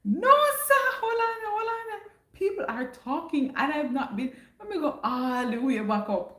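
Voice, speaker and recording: This livestream host is a woman with a Jamaican accent who answers her chat casually and lapses into patois phrasing. Her high voice is animated, unhurried and fairly bright, and the sound has a roomy echo.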